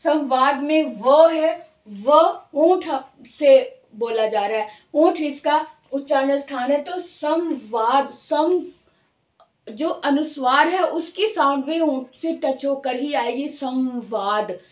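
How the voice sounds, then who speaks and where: A woman teaching Hindi grammar, explaining slowly and drawing out each sound she demonstrates. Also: sits high, darkish tone, echoey room, distant mic. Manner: slow, careful, drawn-out demonstration of sounds. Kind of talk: explanatory lesson.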